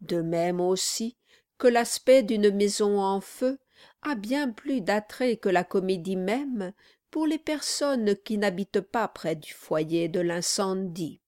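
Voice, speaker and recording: Slow, measured woman narrator. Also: medium pitch, a little mellow, no room sound, clean studio sound. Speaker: audiobook narrator. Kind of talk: scripted literary narration.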